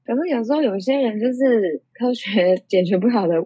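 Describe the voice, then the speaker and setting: Woman cohost tossing in quick reactions, husky mellow voice, dry sound. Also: a little high, no echo, lo-fi sound. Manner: chimes in with short reactions and remarks. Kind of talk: casual chat.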